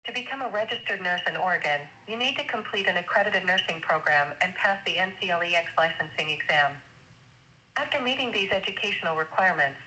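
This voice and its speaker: A woman's fairly low voice serves as an automated phone assistant, moving briskly through a call menu and answers. Her delivery is even, formal and scripted, heard over a dull phone line with faint hiss.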